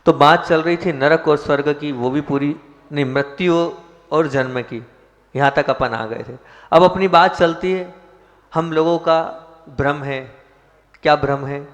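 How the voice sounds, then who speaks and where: A Jain monk giving a sermon, asking rhetorical questions and stressing key points with rising force. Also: male voice, a little high, unhurried. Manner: opens with sung chanted prayers. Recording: long hall reverb.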